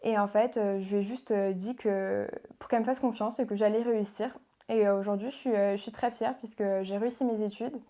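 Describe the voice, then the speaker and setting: A young woman from Portugal, a pageant contestant answering interview questions in a soft, hesitant way with many pauses and fillers. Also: medium pitch, steady tone. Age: young adult. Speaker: guest, beauty pageant contestant.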